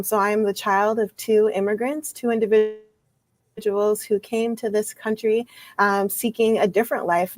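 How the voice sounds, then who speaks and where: A woman's voice: mid-range voice, no echo. Thoughtful young woman, dry close sound. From Minnesota. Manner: thoughtful, frequent ums. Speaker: guest. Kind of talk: interview talk.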